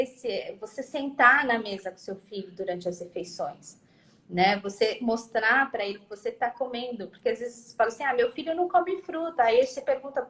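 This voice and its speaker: A woman's voice: fairly high pitch, a bit bright. A woman with a Brazilian Portuguese accent, a guest consultant for mothers, chatting in an agreeable way and sharing practical tips. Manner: agreeable, fillers and restarts, gives practical tips. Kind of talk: casual live-stream conversation. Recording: echoey room sound.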